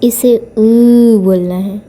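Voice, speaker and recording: A woman giving a patient language lesson, repeating each sound slowly to demonstrate. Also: a little high, fairly even intonation, mellow. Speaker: language teacher on her own channel. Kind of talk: slow explanatory lesson, mixing Hindi and English.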